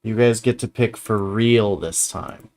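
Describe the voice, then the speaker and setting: A man's voice: fairly low pitch, fairly even intonation, measured pace, darkish tone. A man chatting casually and thinking aloud as he hosts, hesitant and muttering, with some swearing. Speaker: livestream host reacting to videos.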